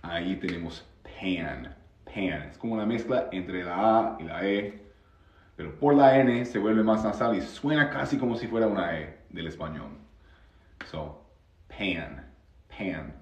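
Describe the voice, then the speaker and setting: A low-voiced man gives a live pronunciation lesson. He explains in Spanish and drills each sound over and over. His voice rings in an echoey room. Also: unhurried. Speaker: English teacher.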